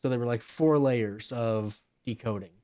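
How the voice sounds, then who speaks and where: A man's voice: mid-range voice, normal speed, warm tone. A man streaming live, casually reacting and thinking aloud about what he watches.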